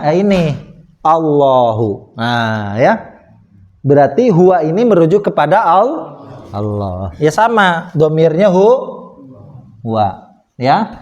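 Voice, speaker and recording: A man's voice: sits high, darkish tone, lo-fi sound. A man with an Indonesian accent teaching Arabic grammar to a class, asking questions and answering them patiently. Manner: slow, patient, asks and answers his own questions. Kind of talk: classroom lesson with questions to students. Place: small prayer room.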